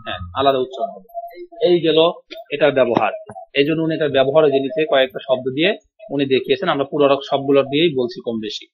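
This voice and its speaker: A man teaching an Arabic class, speaking slowly and repeating each word for his students to echo. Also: mid-range voice, noisy background. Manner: slow, drills pronunciation, repeats words for students. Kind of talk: online language class. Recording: dull lo-fi audio.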